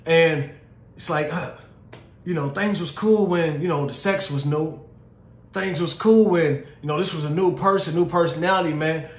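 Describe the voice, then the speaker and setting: A man's voice: on the high side, normal speed, roomy sound. A young man hosting his show, speaking in an earnest, conversational way and often dropping "man" and "you know". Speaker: podcast host. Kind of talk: casual monologue on relationships.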